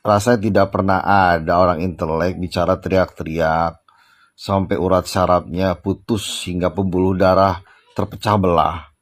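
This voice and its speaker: A man's voice: sits low, steady tone, moderate pace. A man giving satirical commentary in a mocking, teasing way. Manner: mocking baby talk, singsong teasing.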